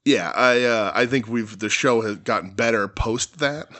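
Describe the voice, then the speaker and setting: A man co-hosting a podcast, talking casually and circling back on his own sentences. His pitch sits in the ordinary middle for a man, and he drops in a swear word now and then. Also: normal speed, bright, forceful tone. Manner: rambling, many restarts and swearing. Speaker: podcast co-host. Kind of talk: casual chat.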